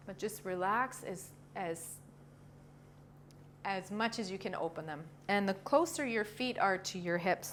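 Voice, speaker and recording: Woman yoga instructor, clear background noise. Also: mid-range voice. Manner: gentle, encouraging, informal. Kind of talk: guided yoga instruction, short calm cues. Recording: clearly noisy ambient background.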